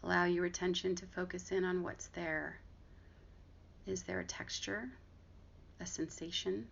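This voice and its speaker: This guided body scan meditation is led by a woman with a fairly low, gravelly, fry-tinged voice and rather flat intonation. She instructs softly and slowly, leaving long silences, over dull lo-fi audio where background noise is clearly audible.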